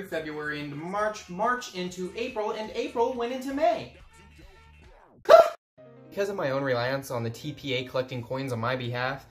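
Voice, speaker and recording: A man telling a sarcastic, self-mocking story in a scripted comedy vlog, his pitch leaping all over the place. The recording is roomy and echoey, and faint music plays underneath. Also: a bit bright. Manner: sarcastic, self-mocking, swings into sudden mock outbursts. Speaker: YouTube creator.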